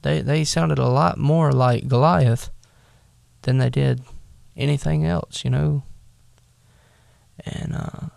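A man preaching a casual, conversational sermon, mixing plain-spoken asides with slow scripture reading and many restarts. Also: mid-range voice, steady tone, creaky, a little mellow, no echo. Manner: many fillers and restarts while teaching. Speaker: minister preaching.

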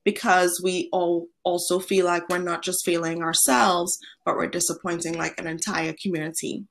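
A young woman from Trinidad and Tobago, a guest on a podcast interview who talks in a friendly, animated way with frequent ums. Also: on the low side, moderate pace, gravelly, a little hiss or hum. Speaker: guest, founder of an online platform.

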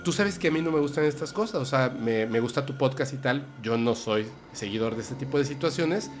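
Speaking briskly at a medium pitch over background noise, a Mexican-accented man hosts a casual podcast chat. He's an animated storyteller who recounts talks with his friends and quotes their words.

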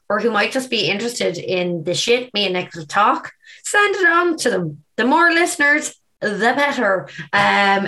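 Brief: young Irish woman, bright, crisp tone, casual podcast co-host, laughs easily. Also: medium pitch. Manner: laughs often, plainspoken. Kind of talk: casual chat.

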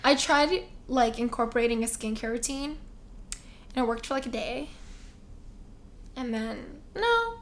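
A woman's voice: on the high side, animated, unhurried, long pauses, a little hiss or hum. A young woman co-hosting a podcast in casual chat, chatty and self-mocking. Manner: chatty, self-mocking, acts out quoted voices. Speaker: podcast co-host.

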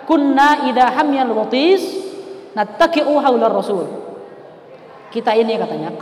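A man preaching a storytelling sermon, animated and acting out the people he quotes. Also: extremely high pitch. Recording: echoey hall with long reverb.

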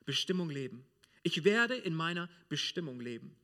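A man's voice: fairly high pitch, sing-song, normal speed, pushed and bright. A man from Germany preaching a sermon in church, speaking directly and informally to the congregation. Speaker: pastor.

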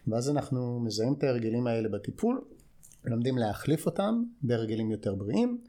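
A man's voice: mid-range voice, expressive, dark tone. A man from the United States with an American accent, explaining things as an expert guest in an interview, in a didactic way with short check-in questions. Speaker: guest clinical psychologist.

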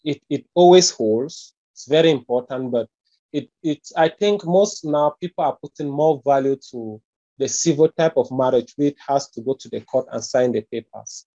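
A man from Cameroon with a Cameroonian accent, answering interview questions in a hesitant, unhurried way full of pauses and fillers. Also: mid-range voice, dark tone, dry recording, highs cut off. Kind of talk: casual conversational interview.

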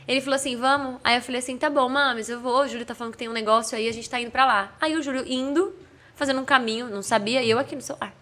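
Young mineira woman telling a story on a podcast, high voice, lively, acts out the quotes, laughs a lot. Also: racing. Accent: Brazilian Portuguese, mineiro. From Brazil. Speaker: podcast guest. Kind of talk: casual storytelling chat.

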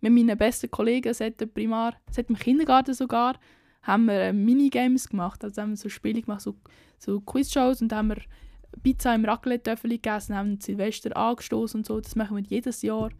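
A woman's voice: a little high, fairly even intonation, fast, gravelly, dark tone, dry recording, studio quality. A young woman with a Swiss German accent, talking in a chatty, slangy, candid way in a casual vlog chat. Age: young adult. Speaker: vlogger.

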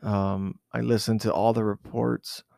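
Guy from southern arizona thinking back out loud, lots of ums and restarts, slowish, smooth lowish voice. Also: little pitch movement, no echo, studio quality. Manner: hesitant and reflective, many fillers and restarts. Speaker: interviewee recalling a personal memory. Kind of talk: unscripted oral-history recollection.

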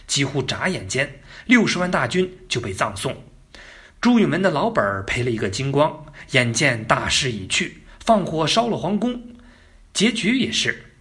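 A man's voice: fairly high pitch, fairly bright tone. A man telling history as a casual story, colloquial and joking, with asides to the listener. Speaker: narrator.

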